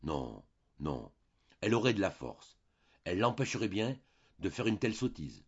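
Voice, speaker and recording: A man's voice: fairly low pitch, very animated, fairly quick, slightly rough. A man narrating a classic novel as an audiobook reader, reading expressively and dramatically. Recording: dull lo-fi recording.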